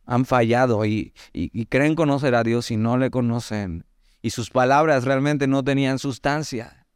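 Mexican man preaching, smooth dry voice. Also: mid-range voice, no room sound. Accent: Mexican Spanish. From Mexico, Veracruz. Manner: conversational, animated asides, reads scripture slowly. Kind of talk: sermon, Bible teaching.

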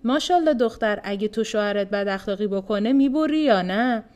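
A woman's voice: medium pitch, animated, close to an everyday voice. A woman reading the part of a mocking, playful older prince in a storybook reading. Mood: teasing. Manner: teasing, then shouting. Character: sly, mocking older prince who loves jokes.

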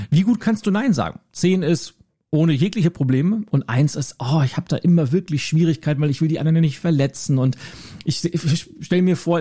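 A man giving self-help tips as a coach, speaking calmly and emphatically straight to the listener. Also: a little high. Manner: calm, emphatic, addresses listener directly. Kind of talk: self-help advice talk.

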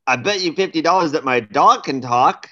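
A man's voice: a little high, expressive, normal speed, pushed and bright. A man voicing a boastful male bar patron betting on his dog, sounding eager and insistent. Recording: dull lo-fi sound.

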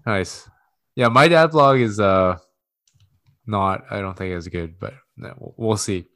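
Man, low-pitched, casual podcast co-host; loose rambling storyteller who swears freely. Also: unhurried, a bit bright.

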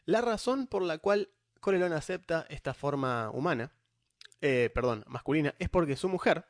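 A young man with a Rioplatense Spanish accent, casually explaining tabletop lore as a podcast host, animated, with frequent restarts. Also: on the high side, moderate pace, dry recording, studio quality. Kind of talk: casual chat.

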